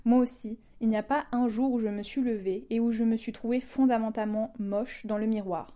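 Mellow-voiced woman hosting a podcast. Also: fairly high pitch. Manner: reads from a script, direct to listeners. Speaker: podcast host. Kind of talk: scripted podcast narration.

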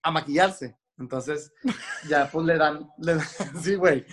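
A man with a Mexican Spanish accent talks in a fairly high voice. He tells stories as a hair and makeup stylist in loose, chatty podcast style. He slips into the voices of the people in his stories as he goes. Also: slow pace. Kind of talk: casual podcast storytelling.

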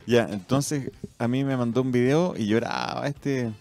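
A man's voice: medium pitch, fairly even intonation, unhurried, a little mellow, faint music behind. A Chilean man in a casual chat, teasing his friend with wisecracks and short interjections. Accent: Chilean Spanish.

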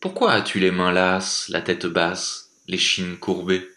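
A man's voice: low voice, slow pace, exaggerated voice. Man doing a stern grey storybook wolf. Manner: steady, scolding, then forgiving. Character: big grey talking wolf, stern but loyal helper. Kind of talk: storybook reading. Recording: echoey room.

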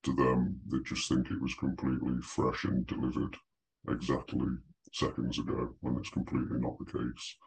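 A man whose voice is run through a voice changer that makes it very deep to hide who he is. He answers as an anonymous guest in a casual podcast interview, measured and hesitant with frequent ums. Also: monotone, gravelly, rough recording. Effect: voice changer pitching the voice very deep to disguise it. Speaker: anonymous guest, lead generator.

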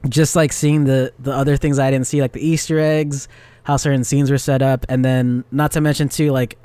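A young man chatting casually, telling an animated story with lots of filler words and frequent laughs. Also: medium pitch, moderate pace, smooth, no echo. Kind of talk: casual chat.

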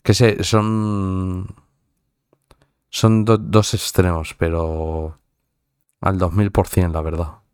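A man's voice: deep voice, level tone, extremely slow, long pauses, darkish tone, smooth, no echo, studio quality. A man from central Spain with a central Spanish accent, chatting casually on a live stream, joking, swearing often and laughing at himself.

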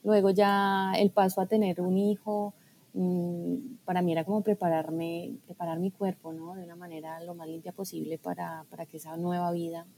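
A woman from Colombia, a guest talking through her story in a thoughtful, hesitant way with pauses. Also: fairly low pitch, vocal fry, dark tone, slight background noise. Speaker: guest, food scientist and blogger. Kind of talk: casual podcast conversation.

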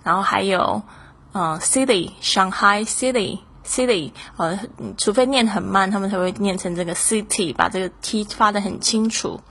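A woman teaching English, explaining phrases and repeating words slowly, with frequent fillers. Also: medium pitch, a bit bright, husky. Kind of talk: language lesson explanation.

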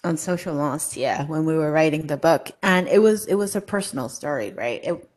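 A woman's voice: low-pitched, normal speed, a little mellow. A woman from Hong Kong, a co-author sharing a personal story in an earnest, conversational way. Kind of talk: casual conversation.

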